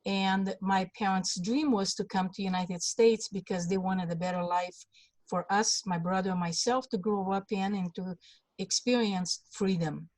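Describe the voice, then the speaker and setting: Older Hungarian-born woman, halting storyteller. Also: mid-range voice, steady tone, a little mellow, no echo. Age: 60s. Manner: halting, many fillers and restarts. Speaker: guest, congressional candidate. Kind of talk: personal story in an interview.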